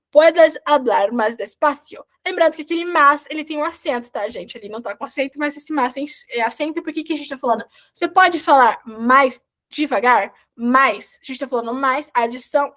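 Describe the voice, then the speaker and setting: A woman's voice: high voice, fairly bright tone. A woman whose first language is Portuguese, teaching a recorded beginner Spanish lesson in a chatty, explanatory way and often checking in with her students.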